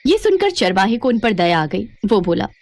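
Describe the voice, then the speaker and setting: A woman narrating a moral story for a cartoon in a dramatic, expressive way. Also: mid-range voice, normal speed, dry recording.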